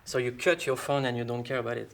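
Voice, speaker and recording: A man's voice: medium pitch, steady tone, quick pace, gravelly, a little hiss or hum. A man who speaks as his asks interview questions in English with phrasing and a friendly, joking manner. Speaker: interviewer, host. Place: hotel room.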